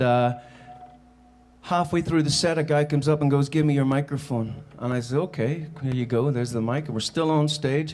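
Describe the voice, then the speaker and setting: A Northern Irish man with a Belfast-area accent tells personal stories in an informal, conversational keynote to a live audience on stage. His voice is medium in pitch with a darkish tone.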